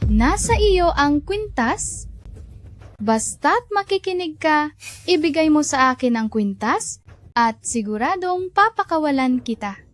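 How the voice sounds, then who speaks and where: A high-pitched scheming captor. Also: female voice, animated, unhurried, a bit bright. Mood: calm menace. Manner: cool, menacing, toying. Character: scheming cold young woman captor. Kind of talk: Tagalog drama dub.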